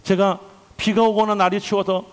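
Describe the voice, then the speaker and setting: Middle-aged male pastor, high voice, fervent preaching, church hall with long reverb. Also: little pitch movement, normal speed, smooth. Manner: impassioned preaching, shouting out prayers. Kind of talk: sermon. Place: church sanctuary.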